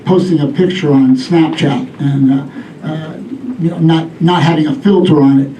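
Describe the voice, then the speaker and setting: Echoey, high-pitched middle-aged male stand-up comedian. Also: fairly even intonation, normal speed, mellow, slight background noise. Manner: rambling storyteller delivery, acting out bits. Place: live comedy venue with audience. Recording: echoey club room, distant mic, audience laughter.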